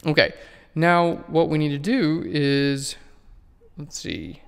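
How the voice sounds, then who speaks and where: A man's voice: a little high, fairly even intonation, slow pace, clean tone, long reverb tail. A man walking through a photo-editing tutorial in a casual, rambling way that keeps correcting itself. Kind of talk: screen-recorded software tutorial.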